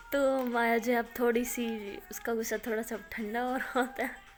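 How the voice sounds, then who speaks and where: A woman tells a story in a relaxed, chatty style, full of filler words. Her voice sits slightly high for a woman. The delivery is informal and unscripted. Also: vocal fry. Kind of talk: casual spoken storytelling.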